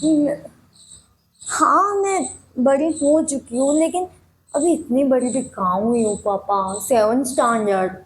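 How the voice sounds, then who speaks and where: A woman's voice: high voice, a little slow. A woman acting as a young girl who misses her mother and pleads with her father in a dramatic audition monologue. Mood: pleading. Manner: pleading, childlike, with a lot of repeating. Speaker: actress auditioning.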